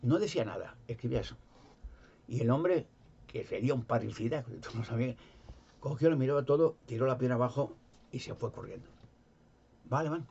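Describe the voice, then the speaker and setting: Retelling a Bible story in a folksy, meandering way full of repetition, this man speaks with a Spain Spanish accent. His mid-range voice is expressive and fairly quick, warm with vocal fry and a breathy edge, and the sound is lo-fi.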